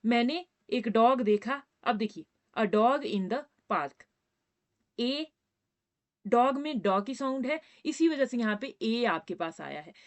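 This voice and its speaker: A woman's voice: fairly high pitch, lively intonation, measured pace. A woman teaching a grammar lesson, patiently repeating points and checking in with her students. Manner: addresses students as "बेटा".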